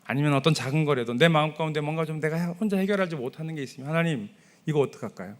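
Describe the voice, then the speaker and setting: A man's voice: fairly high pitch, very fast. Man preaching a conversational sermon. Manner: conversational preaching, acts out prayers softly. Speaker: pastor. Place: church sanctuary.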